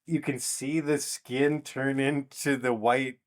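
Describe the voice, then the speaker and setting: A man's voice: medium pitch, flat delivery, takes it slowly. Wry man co-hosting a TV recap. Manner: wry, joking asides. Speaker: podcast co-host. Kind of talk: casual chat recapping a TV episode.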